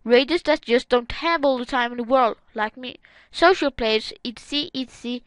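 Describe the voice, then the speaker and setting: A woman's voice: on the high side, brisk, a bit bright, no echo, poor audio. A woman hosting a gaming channel, reading forum comments aloud and adding casual, wry, sarcastic asides.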